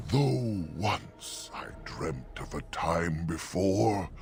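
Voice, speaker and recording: In a fantasy game, a male actor voices an ancient, courteous talking oak, reciting archaic rhymed verse. His bass voice is grandiose and gravelly, a full character performance.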